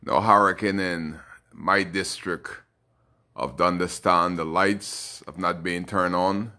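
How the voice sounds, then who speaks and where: A Bahamian local official in his late fifties addresses the camera of a close-held phone, selfie style, for a social media message from a bright room indoors. His low voice is steady, bright and forceful, and his delivery is slow, deliberate, indignant and emphatic.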